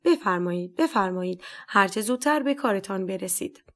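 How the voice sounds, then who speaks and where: A woman's voice: medium pitch, animated, fairly bright tone, close to an everyday voice. A woman voicing an impatient male deputy official who speaks curtly and condescendingly. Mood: dismissive. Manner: curt, condescending.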